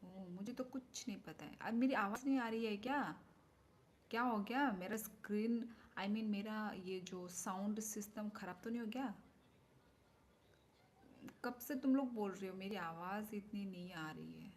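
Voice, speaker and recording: A woman chatting casually with viewers on a livestream through her phone mic, thinking aloud and slipping into soft whispered asides. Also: medium pitch, measured pace. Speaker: live streamer. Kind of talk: casual live-stream chat answering viewer comments. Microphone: phone microphone.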